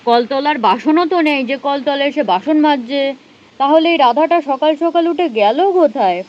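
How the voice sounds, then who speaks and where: Woman doing a fussy old grandparent calling around the house, high voice, doll story. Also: moderate pace, darkish tone, highs cut off, lightly acted. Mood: searching. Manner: fussing, calling out, soothing the baby. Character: fussing elderly grandparent, worried and busy.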